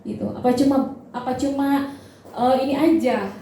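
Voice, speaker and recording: A woman's voice: sits high, steady tone, normal speed, mellow, slight background noise. A woman preaching a sermon, telling a personal story and talking directly to the congregation in a conversational way. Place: large church hall. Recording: echoey church hall.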